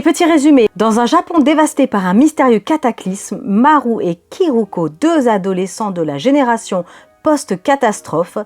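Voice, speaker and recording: Lady with a slightly high voice rambling happily about the manga she just bought, reads the back covers out loud. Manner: chatty, animated, reads blurbs aloud. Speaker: manga vlogger. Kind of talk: casual manga haul video.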